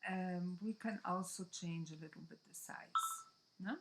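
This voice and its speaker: A Brazilian woman whose first language is Portuguese leads a screen-recorded software tutorial in halting, Brazilian Portuguese-accented English, frequently asking "okay?" Her voice is fairly low, and the recording is very noisy.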